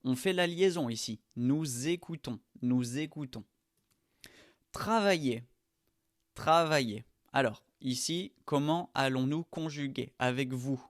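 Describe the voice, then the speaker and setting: A man teaching French verbs, modeling each sentence slowly and with careful articulation. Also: mid-range voice, dry recording, clean studio sound. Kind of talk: pronunciation lesson.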